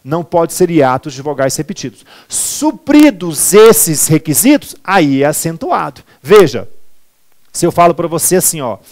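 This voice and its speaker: A man's voice: fairly high pitch, sing-song, measured pace, a little mellow. A man with a Brazilian Portuguese accent teaching a grammar lesson for a civil service exam, emphatic, repeating key words and answering his own questions.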